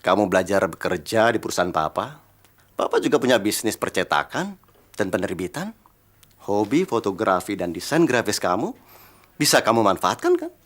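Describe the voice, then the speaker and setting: An actor playing a gentle, middle-aged father who is secretly ill, with a soft, teasing way of talking. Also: fairly low pitch, sing-song, moderate pace. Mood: tender.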